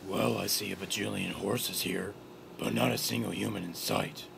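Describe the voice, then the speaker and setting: Gruff masked hero guy in a fan cartoon, a man voicing him, super gravelly and low, noisy background. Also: steady tone, normal speed. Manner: gruff, blunt, boastful. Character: gruff brooding masked male vigilante.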